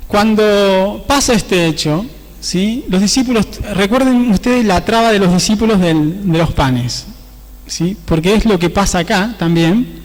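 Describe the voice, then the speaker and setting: High-voiced preacher in a reverberant church. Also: male voice, measured pace. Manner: conversational preaching, often tagging phrases with a questioning "¿sí?". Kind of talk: sermon.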